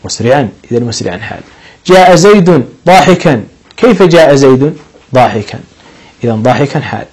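A man's voice: mid-range voice, expressive, brisk, darkish tone, breathy edge, low-quality recording. A man teaching an Arabic grammar lesson, explaining patiently step by step and lifting his voice on each example sentence.

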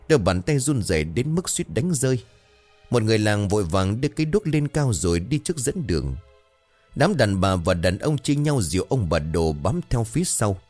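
A man narrating a horror story in a dramatic, expressive reading. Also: on the low side.

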